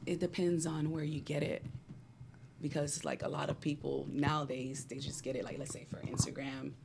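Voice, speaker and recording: A woman's voice: deep voice, level tone, moderate pace, gravelly, background noise. A woman with a female voice chatting casually as a guest on a talk show. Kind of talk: casual chat.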